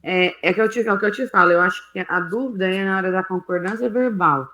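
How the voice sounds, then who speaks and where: A woman's voice: medium pitch, quick pace, sharp tone. A woman, a student in class, plainly explaining where her doubt lies. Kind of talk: class discussion. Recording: echoey room.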